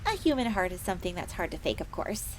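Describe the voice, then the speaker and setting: In an audio roleplay, a woman voices a polite, eager fox maid assassin who earnestly tells her tale, referring to herself in the third person in a genteel manner. Her voice is fairly low with big pitch swings, she talks fast, and a fire crackles in the background.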